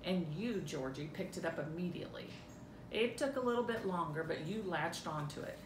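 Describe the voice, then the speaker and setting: Recorded at home on a camera a few feet away, with roomy echo and a noticeable low rumble, a middle-aged woman dramatically reads the mother's role in a family script reading. She speaks expressively at a moderate pace.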